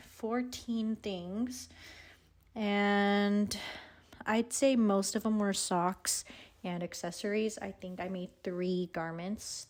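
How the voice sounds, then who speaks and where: A woman's voice: medium pitch, a little mellow. A young woman with a sore throat and slightly grainy voice, chatting casually and a bit hesitantly into a handheld phone in a rambling, informal way. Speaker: vlogger and yarn dyer. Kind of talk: casual chat to camera. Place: indoors in a house under renovation.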